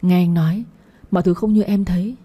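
A woman's voice: fairly low pitch, steady tone, brisk, dark tone, close to an everyday voice. A woman voicing a shaken young husband who pleads with his wife to hear him out, in an audiobook story. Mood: pleading. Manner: pleading, trying to explain.

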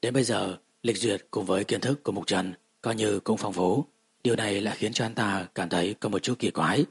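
Deep-voiced man narrating an audiobook. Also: a little fast, creaky, husky. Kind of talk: scripted fantasy audiobook narration.

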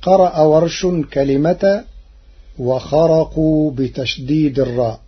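Slow, husky radio presenter man. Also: fairly high pitch, faint music behind. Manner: measured, quotes verses slowly and carefully. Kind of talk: scripted explanatory commentary on recitation. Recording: muffled old radio recording.

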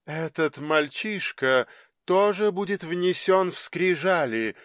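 Sinister, commanding undead-like woman, put on by a male narrator; slow, icy delivery, dry close sound. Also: high voice, lively intonation, a bit bright, no room sound, pitched above the performer's own voice, heavily acted. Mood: mocking. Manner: cold, mocking, imperious. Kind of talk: audiobook reading.

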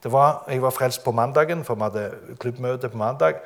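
A man giving a testimony sermon, telling his story dramatically and often laughing. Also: medium pitch.

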